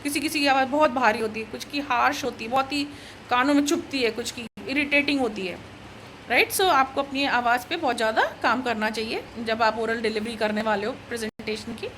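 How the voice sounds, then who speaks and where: High-voiced Indian woman lecturing. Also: a bit bright, a little hiss or hum, low-quality recording. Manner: explains slowly, mixes Hindi and English, asks "right?". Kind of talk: recorded lecture.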